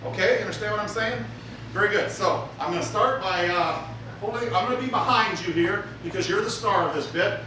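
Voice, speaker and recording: This man's voice is high, brisk, bright and forceful as he works a live magic show, ribbing a volunteer and playing to the audience with jokey showmanship. The theater audio is noisy, echoey and distant.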